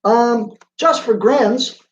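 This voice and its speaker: A man's voice: very high voice, extremely slow. A male physics teacher giving an online class, chatty and playful, quizzing students by name. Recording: roomy, dull lo-fi sound.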